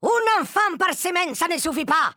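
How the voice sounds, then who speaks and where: A woman's voice: extremely high pitch, expressive, moderate pace, pushed and bright, no echo, clean studio sound, heavily acted. A woman playing a tyrannical, furious female witch leader who shrieks orders and chants threats in an audio drama.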